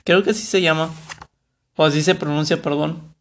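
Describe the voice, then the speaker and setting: A man's voice: a little high, steady tone, normal speed. A young man with a Mexican Spanish accent, talking casually to camera about a book, rambling and correcting himself. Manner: rambling, self-correcting, colloquial. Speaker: vlogger reviewing a book.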